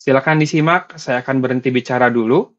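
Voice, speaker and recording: A man doing a casual tech review, speaking through a wireless earbud mic while a fan blows beside him, calmly explaining the test. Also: medium pitch, fast talker, highs cut off. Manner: calm, explains the test to viewers. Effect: voice through wireless earbud mic with a fan blowing beside him.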